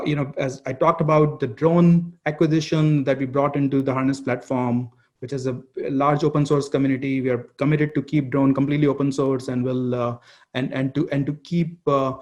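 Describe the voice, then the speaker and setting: A man serving as a company's chief executive presents a product keynote, speaking haltingly and often repeating words and phrases. His voice is on the high side.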